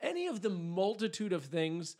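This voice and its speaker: Male co-host for a chatty podcast: sarcastic, very animated, pitch a touch high. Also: normal speed. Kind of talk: casual chat.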